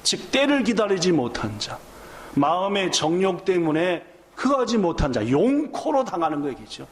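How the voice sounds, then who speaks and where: A man's voice: high voice, big pitch swings, moderate pace, reverberant. A male pastor preaching a sermon, firing questions at the congregation and acting out the lines of the story. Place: church sanctuary.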